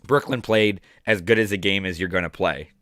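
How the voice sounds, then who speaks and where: A man in his thirties, hoarse from the flu, hosting a chatty sports betting podcast and clearing his throat often. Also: deep voice, moderate pace, a bit bright, dry recording, clean studio sound. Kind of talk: casual betting picks talk.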